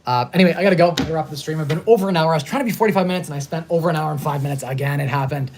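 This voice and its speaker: Guy in his 30s doing a live stream from a hotel, talks super fast, quiet hum behind him. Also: fairly high pitch. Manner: fast-talking, upbeat, repeats and restarts words. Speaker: host. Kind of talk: casual live-stream chat.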